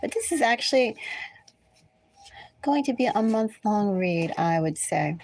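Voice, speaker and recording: A woman with an American accent hosts a tarot reading livestream, chatting casually and rambling with her viewers. Her mid-range voice is animated, unhurried and a little mellow, with slight background noise.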